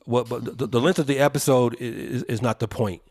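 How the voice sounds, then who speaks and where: A man's voice: medium pitch, fairly even intonation, a little fast, darkish tone, husky. A man co-hosting a podcast, talking in an emphatic, preacherly way and drawing out the words he stresses. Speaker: podcast co-host. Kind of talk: opinionated podcast commentary.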